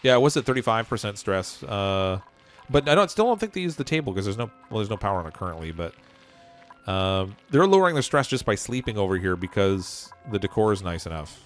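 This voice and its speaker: Against faint background music, a man with a fairly low voice talks fairly quickly in a sing-song manner while livestreaming a game. He rambles through his thoughts and chuckles often, though his voice is wearing out.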